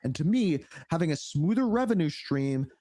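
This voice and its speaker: A fairly high male voice with lively pitch movement. He weighs in calmly with reasoned opinions in a casual gaming chat. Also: moderate pace, a little hiss or hum.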